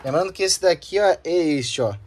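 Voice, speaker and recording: A medium-pitched voice at a moderate pace is heard over background noise. The speaker hosts a gaming video channel and has a Brazilian accent; in a playful, informal vlog he uses slang while casually guiding viewers through hands-on game console tests.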